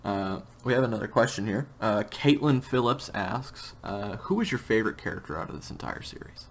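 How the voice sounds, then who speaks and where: Frank, low-voiced man chatting casually. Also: lively intonation, brisk, a little hiss or hum. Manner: frank, emphatic, blunt. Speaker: writer, voice actor and host of the series. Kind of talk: casual interview chat.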